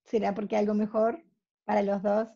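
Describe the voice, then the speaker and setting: Husky gravelly woman in her sixties. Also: medium pitch, little pitch movement, warm tone. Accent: Rioplatense Spanish. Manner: direct, encouraging, brisk. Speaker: host and mentor. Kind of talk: coaching group video call. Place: home office. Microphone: headset on video call. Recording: dull lo-fi call audio.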